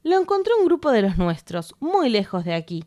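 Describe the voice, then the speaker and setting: A woman's voice: fairly high pitch, very animated, a little fast, warm tone. A woman voicing a friendly, trusting island tribesman in an audiobook.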